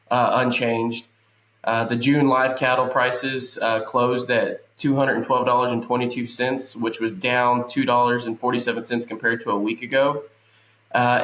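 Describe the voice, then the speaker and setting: A man with a nasal voice from allergies, a guest economist giving a casual, measured rundown of cattle market prices with many fillers. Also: mid-range voice, a bit bright. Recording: roomy echo.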